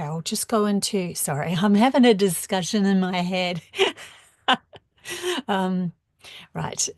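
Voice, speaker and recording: A woman with a New Zealand accent giving a rambling live-stream spiritual talk, full of halting restarts. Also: on the low side, creaky, dry recording, clean studio sound. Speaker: spiritual channeler.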